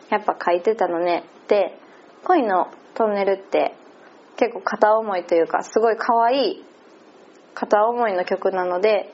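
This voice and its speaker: A woman's voice: mid-range voice, darkish tone. A woman with a Kansai accent chatting casually and laughing often as she recaps an event. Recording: slightly muffled lo-fi audio.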